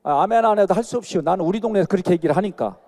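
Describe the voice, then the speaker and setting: A middle-aged guest pastor from Chungcheong Province, Korea, speaking in the Chungcheong dialect, delivers a rapid-fire sermon full of personal stories in a large sanctuary. His high, mellow voice rises and falls as he tells folksy tales and jokes with the congregation. A long church reverb trails each phrase.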